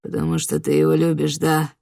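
A woman's voice: low-pitched, completely flat delivery, brisk, vocal fry, no echo, studio quality, voice pushed down, heavily acted. A woman doing a sinister spirit posing as a young man. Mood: soft menace. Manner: soft and eerily gentle, then snarling. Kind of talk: audiobook character voice.

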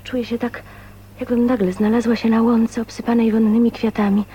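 In a 1980s radio drama with faint noise, an actress plays a shy, dreamy 29-year-old spinster, wistful and newly in love, in intimate monologue and dialogue. Her voice is a little high, level, fairly quick and dark yet natural, with hesitant phrasing and breathy whispers conveying rapturous resolve.

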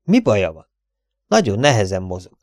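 A man voicing a brisk, kind-hearted country vet with a gruff, hurried manner of talking. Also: on the low side, big pitch swings, darkish tone, dry recording, studio quality. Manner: gruff and hurried, often dropping to a furtive whisper.

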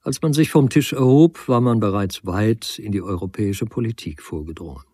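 An older man reading a literary novel aloud as narrator, measured and calm. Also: fairly low pitch, breathy edge, no room sound, studio quality.

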